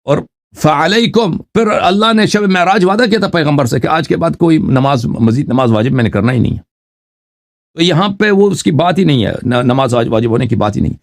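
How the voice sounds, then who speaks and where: A man giving a religious lecture, quoting texts slowly and then explaining them in an argumentative way. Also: fairly high pitch, animated, creaky. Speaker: religious scholar.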